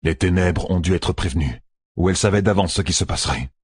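Deep, husky male audiobook narrator. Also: fast talker, no room sound, studio quality. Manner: expressive storytelling. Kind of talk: scripted fantasy narration.

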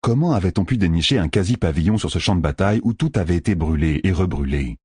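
Deep, expressive male narrator. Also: fast talker, breathy edge, dry recording, studio quality. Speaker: audiobook narrator. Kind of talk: scripted narration.

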